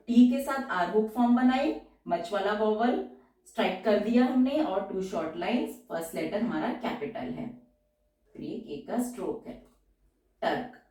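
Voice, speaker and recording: A woman explains a shorthand lesson one step at a time and draws out each example word as she repeats it. Her voice is mid-pitched and comes from some distance away from the mic. The room around her is very echoey. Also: a little mellow. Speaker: shorthand teacher.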